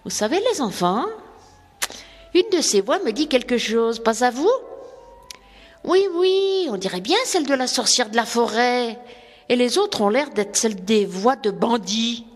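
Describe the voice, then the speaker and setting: Woman playing a cheerful boy chimney sweep, high and animated, storybook style. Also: unhurried, big-room sound. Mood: eager. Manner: bright, eager, talking to children. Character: cheerful young male chimney sweep, kind and eager.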